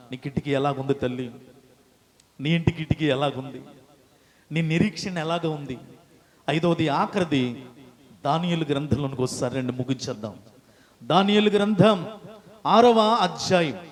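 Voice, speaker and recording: A man's voice: sits high, in a large hall. A male pastor preaching a call-and-response sermon, rousing the congregation to repeat after him.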